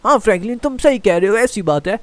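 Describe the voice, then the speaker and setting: A man's voice: high-pitched, lively intonation, fast, no echo. A man voicing a friendly, agreeable young buddy in a fan game role-play.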